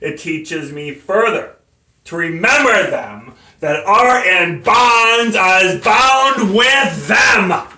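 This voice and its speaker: In a dramatic courtroom monologue, a poet-playwright plays a defiant, devout abolitionist captain facing execution, his bright, tense voice pitched on the high side. The delivery is deliberate, slow and emphatic, righteous yet measured, halting and stumbling at times. It was recorded from afar in an echoey room.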